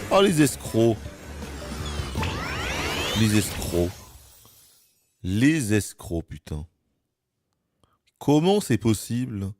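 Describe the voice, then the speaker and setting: A man commenting on a game during a live stream, exasperated and ranting, with swearing along the way. His pitch leaps all over, dropping low then shooting into shrill cries. Faint music plays underneath. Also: big pitch swings, extremely slow, long pauses, darkish tone, dry recording.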